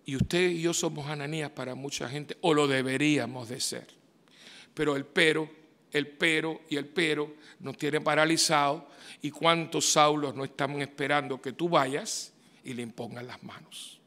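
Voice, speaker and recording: A man, a priest giving a homily in a conversational way, full of rhetorical questions and sudden loud outbursts. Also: fairly high pitch, steady tone, normal speed. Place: church. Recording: reverberant church hall.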